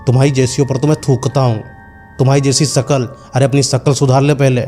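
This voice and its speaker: Guy doing a nasty lying young man in a spooky story, sneering and insulting, told by a man at an ordinary pitch with faint music behind. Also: flat delivery, a little fast, dark tone, close to an everyday voice. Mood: contemptuous. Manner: scornful, insulting. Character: cruel deceitful young man.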